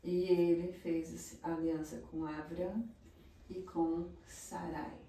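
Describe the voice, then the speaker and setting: A woman slowly explaining Hebrew names, checking in with her listeners as she teaches. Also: on the low side, level tone, mellow, far from the mic, a little hiss or hum. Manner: slow, explanatory, often checks in with "tá?". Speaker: religious teacher. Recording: echoey room, voice a bit off-mic.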